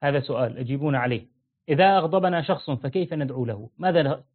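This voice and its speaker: A man leads a religious lesson in a fairly high voice. He keeps putting questions to his listeners and drags out the key phrases to drive them home. The audio is thin and narrow, as if heard down a telephone line. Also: animated. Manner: quizzes listeners with repeated questions; slows down to stress key phrases. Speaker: religious teacher.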